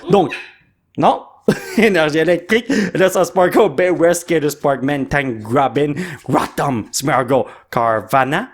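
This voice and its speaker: A man with a Québécois French accent, hosting a card pack opening video. He rattles off card names and jokes with his son. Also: on the high side. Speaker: YouTuber host.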